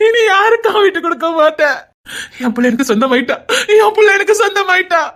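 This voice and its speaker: A woman's voice: high-pitched, very animated, fast talker. A woman acting a tender, tearful father who has found his daughter again, with a Tirunelveli Tamil accent.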